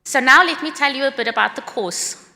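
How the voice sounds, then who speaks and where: A middle-aged South African woman giving a prepared conference talk about a course she created, in a brisk, earnest, slightly read-out manner. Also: high voice, vocal fry, pushed and bright. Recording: long hall reverb.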